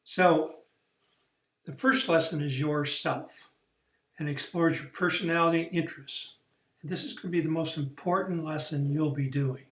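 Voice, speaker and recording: A man's voice: on the high side, steady tone, moderate pace, fairly bright tone, echoey room. A man, working as a career coach, explaining the steps of an online training lesson in an unscripted way, with fillers and restarts.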